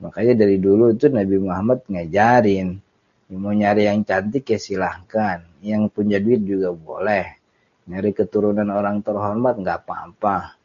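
This Islamic teacher's voice sits on the low side, warm and fairly even in intonation, at a normal speed. Chatty and given to small laughs, he explains Arabic text phrase by phrase in a casual lecture, recorded with dull lo-fi audio.

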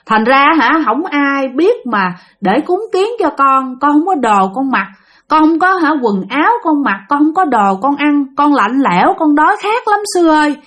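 A woman's voice: sits high, normal speed. A woman voicing the wailing ghost of a drowned person that has possessed a small girl, with a frantic, pleading manner.

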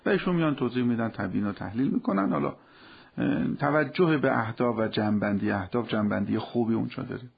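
A man speaking on religious themes with a gravelly, husky voice, his delivery fervent and preacherly. The sound is dull and lo-fi, like an old radio broadcast. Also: medium pitch. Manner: impassioned, preacherly, rising to fervent appeals. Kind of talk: religious talk.

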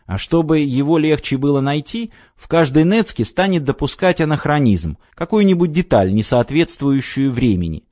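Expressive male audiobook narrator. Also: fairly high pitch, moderate pace, few pauses, dry recording. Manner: expressive, voices the characters. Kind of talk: scripted narration. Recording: dry, slightly dull audiobook recording.

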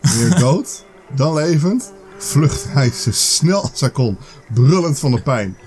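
A man's voice: medium pitch, expressive, slow, darkish tone, faint music behind. A man hosting a podcast, reading a fairy tale aloud in a casual way with the odd stumble. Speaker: podcast host.

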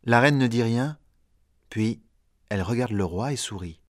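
Male narrator, graded reader audiobook, steady clear delivery, dry close mic. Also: mid-range voice, moderate pace, no echo. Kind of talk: scripted audiobook narration for learners.

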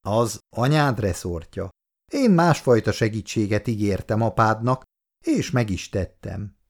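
A bossy, self-satisfied older man, as a male reader puts him on in a storybook. He talks heartily and boastfully with a lively rise and fall. His voice has a gravelly grain. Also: lowish voice. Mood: hearty.

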